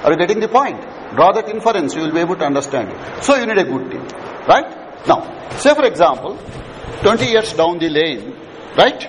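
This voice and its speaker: High-pitched Indian man lecturing in echoey hall. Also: sing-song, brisk. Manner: questioning, repeats points, prods listeners to answer. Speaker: lecturer leading a management session. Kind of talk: interactive lecture to a student audience. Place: large hall with an audience of students. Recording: echoey hall, clearly noisy background.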